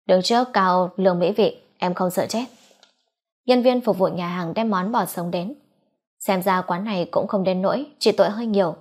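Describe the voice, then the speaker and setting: Woman narrating a romance audiobook. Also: mid-range voice. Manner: reads all characters' dialogue in a near-normal voice. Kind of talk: scripted narration of a romance novel.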